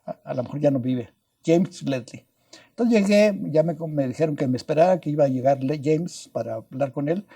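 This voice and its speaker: On an interview podcast, an older guest scientist with a Mexican Spanish accent rambles through stories at a fairly quick pace. His voice, a bit high, sounds deeply mellow and dark, and he repeats himself, restarts words, and ends lines with little tag questions.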